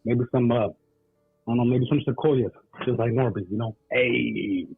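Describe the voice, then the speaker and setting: A man's voice: mid-range voice, fairly even intonation, normal speed, gravelly, slightly rough, dry recording. A man calling in to a radio talk show, heard muffled as if through a wall, talking in an earnest, preachy way. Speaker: caller. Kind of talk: call-in radio chat. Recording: muffled tinny phone line.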